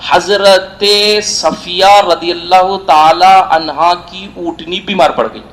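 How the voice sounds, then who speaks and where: A man's voice: high-pitched, steady tone, poor audio. A middle-aged man with an Indian Urdu accent, preaching an evening sermon and telling stories with emphatic repetition. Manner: emphatic storytelling, repeats phrases for stress. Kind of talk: evening sermon at a weekly gathering. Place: mosque centre.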